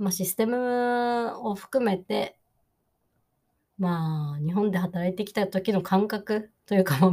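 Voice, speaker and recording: A woman hosting a solo podcast, chatting casually with many fillers and explaining phrases, quoting English slowly. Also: mid-range voice, mellow. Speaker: podcast host.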